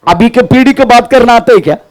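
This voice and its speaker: A man's voice: very high voice, fast. A middle-aged male pastor preaching a sermon, often breaking in with praise the Lord and echoing the Bible reader's lines. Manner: repeats the reader's lines, frequent "praise the Lord" and "haan" interjections.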